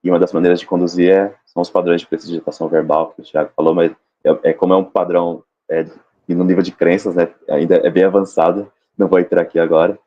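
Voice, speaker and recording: A man's voice: sits low, little pitch movement, fast talker. A man on a live panel explaining sales techniques, acting out short seller and client exchanges as he goes. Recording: dull lo-fi stream audio.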